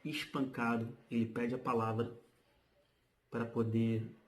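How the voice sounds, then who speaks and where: A man's voice: medium pitch, little pitch movement, unhurried. Guy preaching, reads the bible out then chats about it, mid voice, echoey room. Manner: reads scripture aloud, then explains it in casual speech. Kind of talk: sermon with Bible reading. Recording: roomy, echoey.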